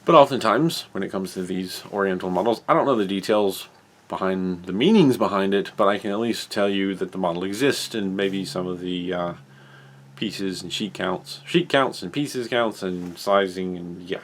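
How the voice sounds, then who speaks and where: A hobby channel host gives a casual solo news update, rambling and correcting himself as he reads off model details, all while he has the hiccups. He has a deep voice and speaks at normal speed.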